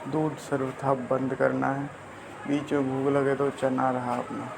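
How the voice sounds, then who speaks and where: A man's voice: medium pitch, completely flat delivery, measured pace, creaky. A man giving a disciple firm personal instructions, laying them out point by point. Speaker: spiritual mentor. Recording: noisy background.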